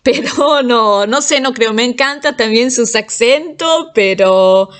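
Casual vlogger: woman, Italian native, slightly high voice, chatty with frequent laughs. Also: slow, a bit bright. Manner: chatty, laughs often between phrases. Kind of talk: casual monologue.

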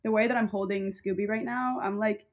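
A woman's voice: mid-range voice, steady tone, brisk. A young adult woman telling a personal story in casual chat, rambling with many fillers and breaking off into laughter.

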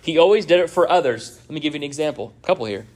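A man's voice: on the high side, expressive, very fast. A man preaching a sermon in a church, conversational, with many rhetorical asides to the congregation. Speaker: pastor.

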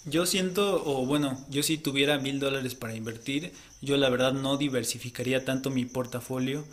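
A man's voice: medium pitch, normal speed. A man co-hosting a casual podcast, explaining at length and often ending points with a questioning tag. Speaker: podcast co-host.

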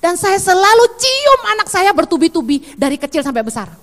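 A middle-aged woman pastor preaching an animated sermon, acting out the voices she quotes. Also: very high voice, fairly quick, long reverb tail.

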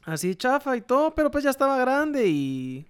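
A young man with a Guatemalan accent, chatting casually and telling stories, often tagging his sentences with a quick "va, vos". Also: very high voice, very animated, clean tone. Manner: storytelling, tags sentences with "va, vos". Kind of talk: casual chat.

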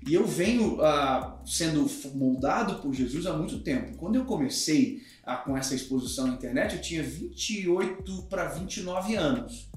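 In a podcast chat, a man in his thirties who is a pastor talks with a slightly high, animated voice at a moderate pace, barely pausing. Earnest and emphatic, he teaches through examples, recorded in a very echoey room with background music.

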